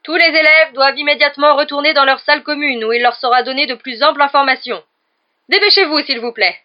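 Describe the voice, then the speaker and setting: Stern older professor, voiced by a woman, loud commanding announcements, high and forceful, dull lo-fi recording. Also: fast talker, lightly acted.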